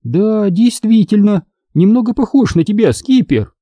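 A man voicing a distracted, stern mother who speaks curtly and high. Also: lively intonation, unhurried, warm tone, no echo, clean studio sound. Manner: curt, dismissive.

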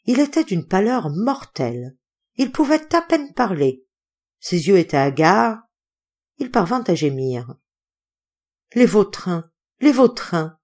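Lively woman reading an audiobook. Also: medium pitch, a little slow. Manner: lively, voices the townsfolk's shouts. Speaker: audiobook reader. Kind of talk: expressive audiobook narration.

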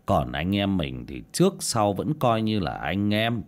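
A generous older village man from a spoken folk tale, as a male narrator voices him. He speaks calmly and earnestly in a lowish, expressive voice. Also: a little slow, heavily acted.

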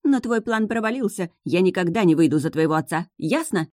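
A woman voicing a haughty, scheming sea witch who turns sarcastic and shrill. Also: expressive, fairly quick, a little mellow, no echo, clean studio sound, natural voice. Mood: haughty, indignant.

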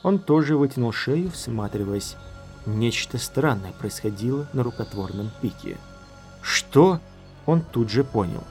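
A man's voice: medium pitch, lively intonation, a little mellow, soft background music. Male audiobook narrator. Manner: measured storytelling.

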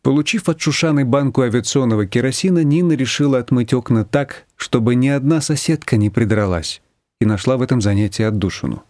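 A man narrating an audiobook with expressive storytelling. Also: medium pitch, a little fast, no room sound, clean studio sound. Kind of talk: scripted narration.

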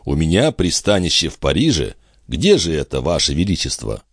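A man's voice: extremely low pitch, wildly swooping pitch, breathy edge, dry recording, studio quality, exaggerated voice. Man reading as a grave, courteous count. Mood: earnest. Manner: earnest, measured, courteous. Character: grave, restrained male count, an officer. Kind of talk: audiobook character voice.

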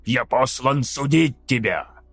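A man's voice: mid-range voice, expressive, vocal fry, fairly bright tone, no echo, exaggerated voice. Kairos, a man voicing an ancient two-headed demon. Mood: grave, ominous. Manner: slow, grave, hissing pronouncements.

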